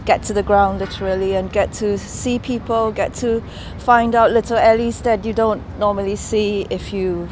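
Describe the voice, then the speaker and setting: A woman from Singapore, a PhD student, speaking in a relaxed, chatty way in an interview. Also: medium pitch, moderate pace, hardly any pauses, a little hiss or hum, low-quality recording. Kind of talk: interview testimonial.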